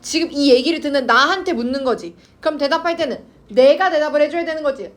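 A woman's voice: sits high, fast. A woman teaching an English grammar class, coaxing her students and checking in with them constantly. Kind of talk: online class lecture to students.

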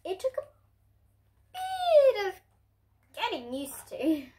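A preteen girl, roughly ten to twelve, reads a picture book aloud for little kids, hosting from home in front of bookshelves. Her high, animated voice is expressive and presentational, and she takes her time.

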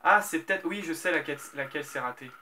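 A man's voice: on the high side, quick pace, sharp tone, a little hiss or hum. A young man from France giving rambling, casual let's play commentary, swearing now and then. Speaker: gamer. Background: video game music.

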